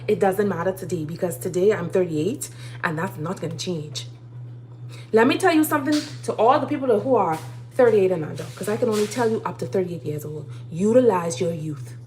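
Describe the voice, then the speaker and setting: A woman's voice: mid-range voice, darkish tone, slight background noise, low-quality recording. Preachy woman in her thirties. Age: 30s. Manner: preachy, urging, repeats key phrases. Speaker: live streamer. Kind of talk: casual live-stream monologue giving life advice. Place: home kitchen while cooking.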